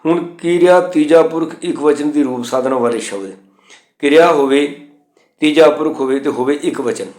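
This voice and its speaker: A man teaching correct pronunciation of scripture, reciting verses slowly and then explaining the grammar point by point. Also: on the high side, darkish tone, reverberant.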